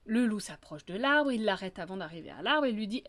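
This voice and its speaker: A woman telling a folk tale aloud in a lively, conversational way. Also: mid-range voice, fairly quick, dry recording. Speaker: storyteller.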